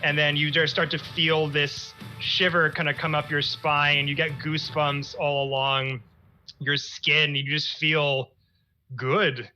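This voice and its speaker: A man narrating a tabletop game as game master, laughing often and animated. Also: fairly high pitch, takes it slowly, soft background music, rough recording.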